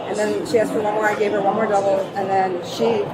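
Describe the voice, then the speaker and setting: A woman's voice: medium pitch, flat delivery, fast, a loud crowd. A woman working as a server, casually recounting an incident, picked up on a body camera. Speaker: bar server. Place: busy airport interior. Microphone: someone else's body-worn camera. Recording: noisy crowded bodycam audio.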